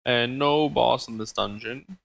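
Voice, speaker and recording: Bright-voiced man commenting on gameplay. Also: medium pitch, measured pace, creaky, slight background noise. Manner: thinks aloud with frequent ums and uhs. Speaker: let's play host.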